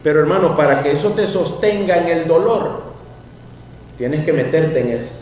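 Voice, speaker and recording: A middle-aged pastor preaching to his congregation, his fairly high voice carrying through a big echoing church hall. He sounds set back from the mic, with a faint hiss under him, and he throws questions at the crowd and swells into loud cries. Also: animated, normal speed. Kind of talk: sermon. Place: church sanctuary. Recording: echoey hall from far off, faint noise.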